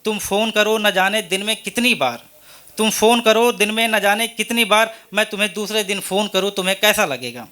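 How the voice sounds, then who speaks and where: A man's voice: high voice, brisk, bright, forceful tone. A man at an open mic reciting a long, repetitive poem line by line, with a Hindi accent. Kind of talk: reciting poetry. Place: open mic event venue.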